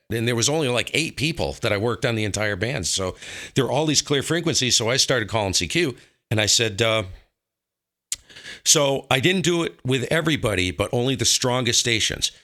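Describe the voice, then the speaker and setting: Speaking at a medium pitch with a pushed, bright quality, an American ham radio show host from the northern United States offers emphatic opinions on radio operating, circling back to repeat key points in a relaxed, conversational way.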